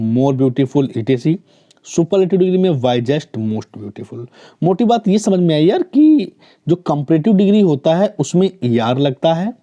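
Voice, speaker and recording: Man teaching grammar with a mellow voice. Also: medium pitch. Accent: Hindi. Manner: explains step by step, often asks "theek hai na?". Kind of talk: grammar lesson for exam students.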